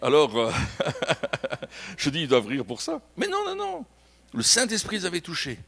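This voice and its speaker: A man with a Belgian French accent preaches in a church, slightly high-pitched for a man. His voice leaps up and down as he moves between stories and emphatic exclamations. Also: sing-song, normal speed, gravelly. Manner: emphatic preaching with storytelling, rising to loud exclamations. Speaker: pastor. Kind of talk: sermon.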